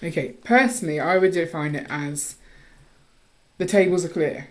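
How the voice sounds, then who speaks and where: Woman from the UK, podcast co-host, lowish voice, casual teasing chat, quick restarts.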